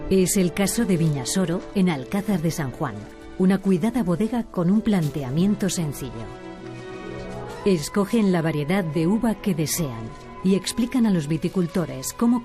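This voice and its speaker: A woman reading scripted documentary narration in a calm, measured manner. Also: on the low side. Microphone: studio voice-over. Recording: voice-over with music behind.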